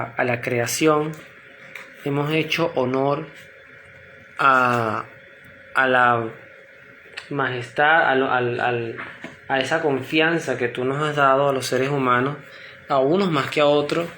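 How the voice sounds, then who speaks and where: A man leading a spoken prayer and reflection, earnest and unhurried, speaking directly to God. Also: medium pitch, pushed and bright, a little hiss or hum. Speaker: prayer leader.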